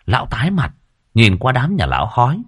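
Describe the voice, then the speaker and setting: Husky animated male storyteller. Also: medium pitch, a little fast, no echo, studio quality. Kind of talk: comic ghost story narration.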